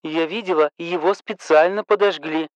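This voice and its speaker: A man voicing a nosy woman caller who reports things in a hushed, conspiratorial way. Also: a little high, steady tone, normal speed, no room sound, muffled recording, voice pushed up, close to an everyday voice.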